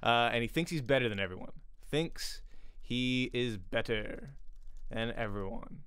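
A man in his thirties teaches acting in a casual livestream, speaking conversationally and often checking in with "right?". His medium-pitched voice is measured, a bit bright, and smooth, captured with no echo on a close studio mic with pop filter and headphones in a small room.

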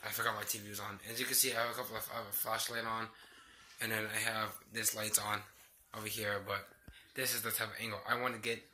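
A young man who works a theme park ride vlogs casually from his small bedroom, feeling unwell with a sore throat and a cold sore on his lip. His lowish voice is level, quick, bright and forceful, though his manner stays subdued, hesitant and rambling. He records on a phone or laptop held at arm's length, with faint handheld noise.

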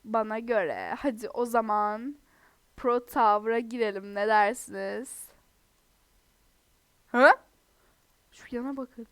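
A woman's voice: on the high side, slow pace, long pauses, fairly bright tone, smooth, no room sound. A young woman who is sick, giving chatty, giggly gameplay commentary to her viewers. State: sick, under the weather. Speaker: gaming video host.

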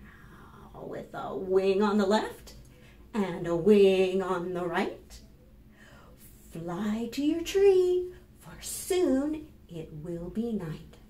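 An expressive American woman hosting storytime speaks very slowly in a medium-pitched voice. A children's librarian, she reads aloud and does rhymes for preschoolers, teaching and asking the kids questions. The small plain indoor room is echoey, and background noise is clearly heard.

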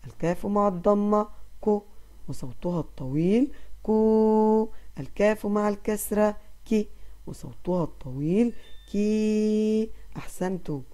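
A woman teaching a recorded lesson to kindergarten children. She praises them gently often and draws out sounds for them to repeat. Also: mid-range voice, expressive, moderate pace.

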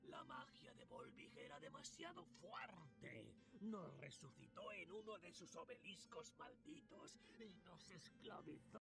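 An actor playing an enslaved undead skeletal warrior in a dubbed video game, with a halting, dramatic delivery. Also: male voice, sits high, very animated, gravelly, a bit bright, heavily acted. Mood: bitter. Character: enslaved undead skeletal warrior, mournful, once a soldier of light. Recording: game music behind the voice.

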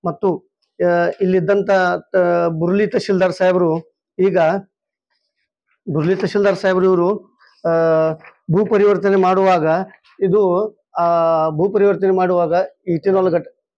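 A middle-aged man, a local resident, making a halting appeal at a press conference with frequent fillers and restarts. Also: high voice, level tone, a little mellow, dry recording, lo-fi sound. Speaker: local resident voicing a complaint. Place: small indoor room, seated among a group.

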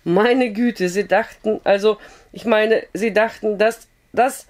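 A hoarse woman voicing a shy, kind young male rancher who talks gently and stumbles over his words. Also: mid-range voice, fairly even intonation, slow pace, close to an everyday voice. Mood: flustered. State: hoarse with a cough.

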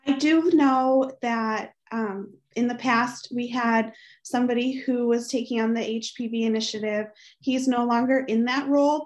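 A woman's voice: on the high side, rough recording. A young woman on a video call panel, earnestly explaining a community outreach program.

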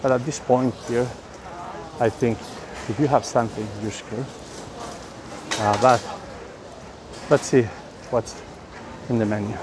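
A middle-aged man from Spain, chatty and excitable, giving a casual walking vlog tour of a cafeteria, filmed on a phone at arm's length. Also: medium pitch, unhurried, long pauses. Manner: chatty, excitable, lots of fillers. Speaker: vlogger touring the food halls. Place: indoor cafeteria and dining hall. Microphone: phone camera at arm's length. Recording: noisy phone recording.

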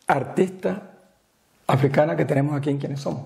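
Middle-aged male interview host, slightly high voice, mellow timbre, chatty, lapel mic. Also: brisk, creaky. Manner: warm, chatty questions with a little English mixed in. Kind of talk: friendly interview in a studio. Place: small indoor studio, seated.

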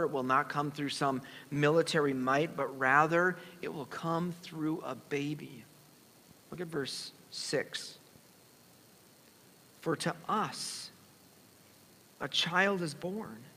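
A man preaching a sermon as pastor, earnest and measured, pausing and restarting as he explains scripture. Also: a little high, a bit bright, slight background noise. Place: church sanctuary. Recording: long church reverb.

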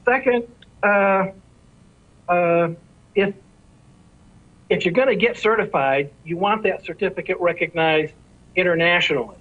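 A man interviewed as an industry executive, giving measured, careful answers that lay out points in order. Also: high voice. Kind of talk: formal explanatory answers. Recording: tinny phone line.

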